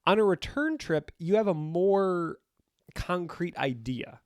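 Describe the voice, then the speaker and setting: A man's voice: sits high, animated, takes it slowly, clear, resonant tone, no room sound, studio quality. Man with a congested, pinched-nose voice. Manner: joking, teasing banter. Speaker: podcast co-host. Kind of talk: casual unscripted podcast chat.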